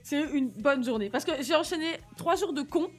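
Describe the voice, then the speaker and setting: A woman's voice: sits high, lively intonation, normal speed, faint music behind. A young woman with a slight lisp and slushy s sounds, chatting casually and animatedly in slang as she livestreams. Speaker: live streamer.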